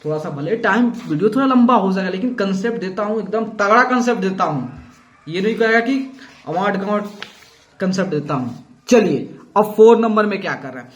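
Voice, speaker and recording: A man's voice: high-pitched, expressive, fast talker. A man teaching a math lesson to students. He talks in a coaxing, encouraging way and keeps repeating himself to prompt them. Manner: coaxing and repetitive, calls the viewer "bhai" and "dost"; upbeat and encouraging. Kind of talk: classroom lesson explaining to students.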